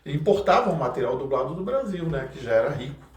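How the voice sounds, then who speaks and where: A man's voice: on the high side, very animated, quick pace, a little mellow, distant mic. Carioca man chatting in an echoey room. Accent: Carioca Brazilian Portuguese. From Rio de Janeiro, Brazil. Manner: rambling, many hesitations and restarts. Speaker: podcast guest, voice actor and dubbing director. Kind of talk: casual interview chat. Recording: echoey room, a bit off mic.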